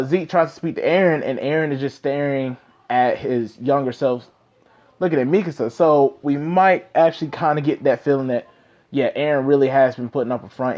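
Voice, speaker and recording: A man's voice: mid-range voice, darkish tone, dull audio. A man casually reviewing a manga chapter, talking loosely with many fillers and repeated asides to the listener. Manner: loose and conversational, lots of fillers and 'you know what I'm saying'.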